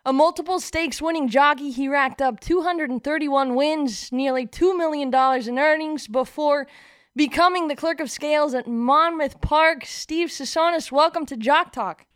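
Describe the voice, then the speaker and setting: High-voiced woman hosting radio. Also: normal speed, no echo, studio quality. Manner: chatty, laughs often. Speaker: radio show host. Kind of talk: radio talk show interview. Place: studio.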